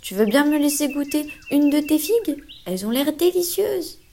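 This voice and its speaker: Woman reading a kids story doing a sweet little girl, eager, high voice. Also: big pitch swings, normal speed, gravelly, darkish tone, a little hiss or hum, exaggerated voice. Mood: indignant.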